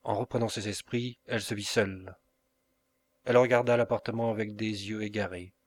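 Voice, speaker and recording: A man reads a classic novel as an audiobook, measured and unhurried. He takes deliberate pauses between phrases. His voice sits on the low side. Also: steady tone, no room sound. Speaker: audiobook reader. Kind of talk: scripted narration of a novel.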